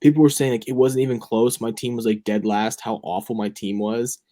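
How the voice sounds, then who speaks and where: A man's voice: mid-range voice, level tone, a little fast, warm tone. A young man co-hosting a fantasy football talk show, chatting casually and thinking aloud with lots of fillers. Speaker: fantasy football podcast co-host. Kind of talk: casual chat.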